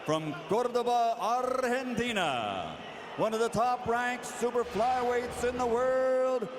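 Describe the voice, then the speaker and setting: A man announcing in the ring like a lucha libre announcer, grandly shouting introductions and stretching out names. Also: extremely high pitch, lively intonation, takes it slowly. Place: large indoor boxing arena. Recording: arena PA amid loud crowd noise.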